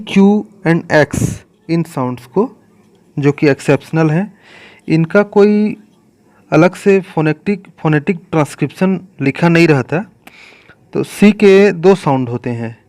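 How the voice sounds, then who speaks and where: A man with an Indian accent teaching English pronunciation in a classroom style, speaking slowly and repeating each sound and its examples. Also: a little high, a little mellow.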